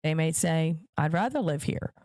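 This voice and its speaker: A woman hosting her own podcast delivers emphatic political commentary directly to her viewers, repeating points for stress. Her deep, darkish voice has lively intonation and a moderate pace. The sound is clean studio quality with no echo.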